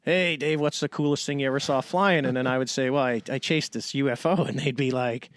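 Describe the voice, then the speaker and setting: A man's voice: medium pitch, fairly quick, no echo. A middle-aged man from the United States, a guest on an interview show, telling a long story in a casual way and acting out the voices of the people he quotes. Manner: animated storyteller, acts out quoted dialogue. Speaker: interview guest, retired navy fighter pilot.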